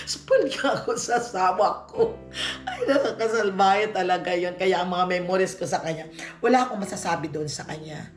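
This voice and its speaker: Filipina vlogger lady, middle-aged, chatty storytelling, acts out the lines, echoey room, soft music behind. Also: lowish voice, normal speed. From Philippines. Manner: animated, acts out quoted dialogue, laughs often. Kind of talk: personal storytelling. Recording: roomy echo with faint music.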